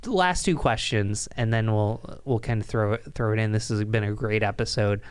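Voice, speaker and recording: Smooth-voiced male podcast host. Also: fairly low pitch. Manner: quick, chatty, joking. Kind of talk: casual podcast interview.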